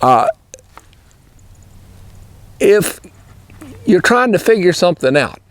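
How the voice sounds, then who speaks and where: An older man chats through a horse-training lesson in a folksy, rambling way, as though telling a story. His voice sits a little high for a man. The sound is dry, with no room echo. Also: sing-song, slow.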